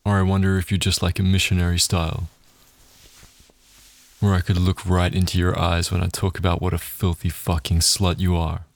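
A man with a gravelly voice speaks at a normal pace with flat delivery and no echo. He performs an adult audio roleplay, dominant and taunting, low and intimate, with heavy breaths and muttered exclamations between lines.

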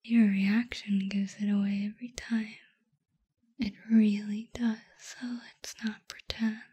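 A young woman whispering softly and teasingly into a close microphone in an intimate roleplay. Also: mid-range voice, level tone, unhurried. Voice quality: breathy. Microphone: close sensitive mic.

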